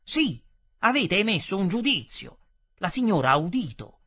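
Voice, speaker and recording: An actor reading aloud plays a short, angry young restaurant customer who speaks with stiff, menacing formality. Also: male voice, high voice, sing-song, moderate pace, pushed and bright, breathy edge, no room sound, clean studio sound, pitched above the performer's own voice, heavily acted. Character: angry short young man, threatening diner.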